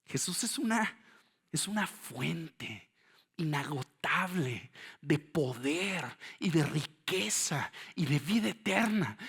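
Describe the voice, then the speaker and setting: Fervent pastor with a raised voice. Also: male voice, fairly high pitch, gravelly, husky. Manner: swings from hushed, slow phrases to loud, fervent calls; preaches directly to the congregation with rhetorical questions. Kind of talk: sermon.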